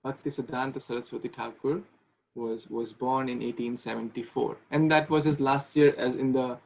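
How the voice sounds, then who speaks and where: In a small indoor room with a ceiling fan, a man in his thirties leads a conversational online devotional class over a video call, picked up by a webcam. His medium-pitched, gravelly, darkish voice holds a steady tone at normal speed, and he often repeats or restarts words and asks questions. The audio is poor, with a little hiss or hum.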